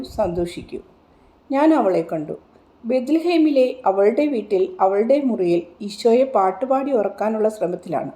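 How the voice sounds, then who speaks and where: A woman narrating a mystic's religious visions in a gentle, measured, reverent reading style. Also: a little high. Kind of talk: slow devotional reading.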